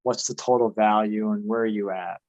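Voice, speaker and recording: A man's voice: on the low side, fairly even intonation, moderate pace, a little mellow, no room sound, muffled recording. A man co-hosting an investing chat, brash and hyped as he pumps up the viewers. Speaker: co-host of a dividend investing channel. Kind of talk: casual chat.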